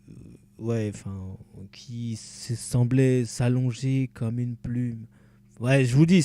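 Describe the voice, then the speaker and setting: A man's voice: medium pitch, warm tone. A man giving casual let's-play commentary at home at night, rambling and joking about himself, with many fillers and restarts. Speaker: gamer playing through a game. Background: faint background music.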